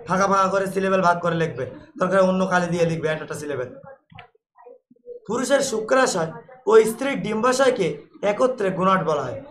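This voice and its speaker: High-voiced Bengali teacher explaining exam answers. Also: male voice, a bit bright, low-quality recording. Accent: Bengali of West Bengal. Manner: explains with playful everyday examples; reads questions then answers. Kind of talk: online exam-prep lesson.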